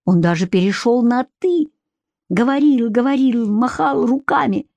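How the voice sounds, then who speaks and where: A woman narrating an audiobook in an even, measured storytelling manner. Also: fairly high pitch, dry recording, muffled recording.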